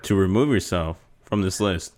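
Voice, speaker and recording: A man voicing a stiff male automated code-line voice, reading the menu prompts in a slow, halting way. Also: sits low, a little mellow, close to an everyday voice. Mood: robotic.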